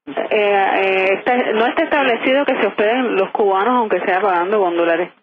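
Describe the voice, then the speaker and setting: Hesitant receptionist woman on a tinny phone. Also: mid-range voice. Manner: hesitant, halting. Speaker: hotel receptionist. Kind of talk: recorded phone call. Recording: tinny noisy phone line.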